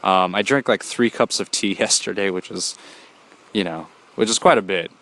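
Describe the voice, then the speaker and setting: Talking at a normal speed in a low, fairly bright voice, a young adult runs a solo podcast. He's slightly stuffed up from a cold, and his casual, rambling delivery is full of fillers and restarts.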